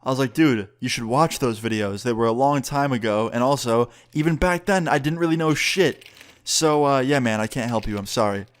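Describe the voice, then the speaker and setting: A young man recounting a personal story in a loose, conversational way. He swears freely and plays out both sides of each exchange, at an ordinary pitch for a man. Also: moderate pace. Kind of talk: casual storytime narration.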